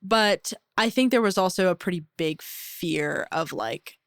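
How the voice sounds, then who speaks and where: A twenty-two-year-old woman from the Bahamas, a singer-songwriter talking thoughtfully in an interview, with many fillers and pauses. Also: on the low side, no echo, clean studio sound. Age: 20s. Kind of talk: casual interview chat. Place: recording studio.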